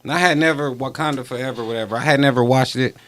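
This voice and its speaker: A middle-aged man, hosting a casual livestream chat in a relaxed, slangy way and asking questions. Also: medium pitch, fast. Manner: laid-back, slangy, asks questions. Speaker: livestream host.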